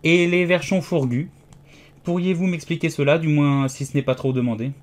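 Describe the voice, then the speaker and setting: A man's voice: fairly high pitch, fairly even intonation, normal speed, close to an everyday voice. A man reading an audiobook, voicing a polite, curious little girl who asks thoughtful questions.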